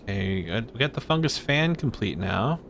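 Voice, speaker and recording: A man streaming a game, relaxed and chatty, reading its narration aloud. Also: fairly low pitch, moderate pace, vocal fry, a little hiss or hum.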